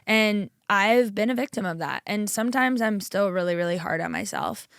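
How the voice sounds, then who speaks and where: A woman's voice: mid-range voice, normal speed, creaky, fairly bright tone, smooth, dry recording, clean studio sound. A young woman chatting casually as a podcast guest, upbeat and full of fillers. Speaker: chiropractor and guest.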